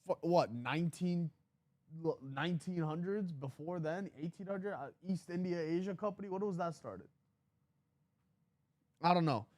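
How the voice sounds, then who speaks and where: Twenty-something dude on a trading livestream, teasing chat, dead dry mic. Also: male voice, high-pitched, no room sound. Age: 20s. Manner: blunt, teasing, reads chat aloud.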